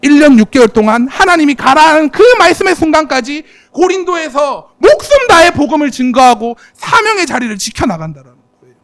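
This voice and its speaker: A senior pastor preaching a sermon. He is dramatic, swinging between hushed asides and loud exclamations, and asks the congregation rhetorical questions. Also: extremely high pitch, sing-song, a little fast.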